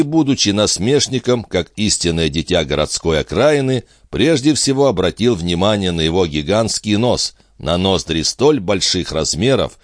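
A man narrating an audiobook in expressive storytelling manner. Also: low-pitched, dry recording, clean studio sound.

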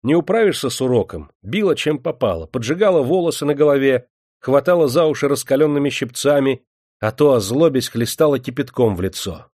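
A man's voice: mid-range voice, expressive, brisk, a little mellow, no room sound, studio quality, voice pushed up, natural voice. A man voicing a crippled young serf woman telling her grievance in a pleading, mournful way. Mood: plaintive.

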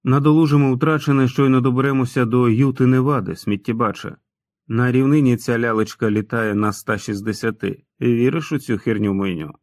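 A man voicing a reckless, crude young male punk who swears, shouts and turns quietly menacing. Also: medium pitch, steady tone, fairly quick, no room sound, clean studio sound, natural voice. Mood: boastful.

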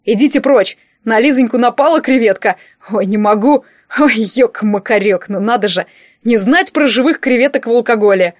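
A woman reading an audiobook and voicing a blunt, bossy older rich man who gives gruff, mocking orders. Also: on the high side, normal speed, no room sound, lo-fi sound, natural voice. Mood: guffawing.

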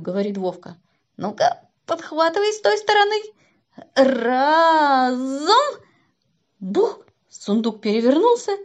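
A woman reading a children's story aloud, acting out the children's voices with lively shifts. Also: medium pitch. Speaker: reader. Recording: dull lo-fi recording.

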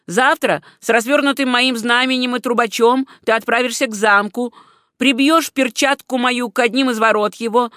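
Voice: medium pitch, pushed and bright, dry recording, studio quality, pitched above the performer's own voice, natural voice. An audiobook narrator voicing an imperious, impatient medieval knight lord in a storybook. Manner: imperious, disdainful.

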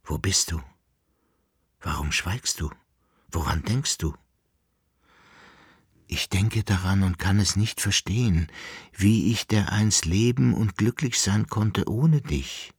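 A man's voice: low voice, slow, long pauses, slightly rough, no room sound, studio quality, heavily acted. A man voicing a melancholy old emperor who muses tenderly and calls after a lost love, in a radio reading. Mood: yearning. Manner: musing, yearning, then calling out.

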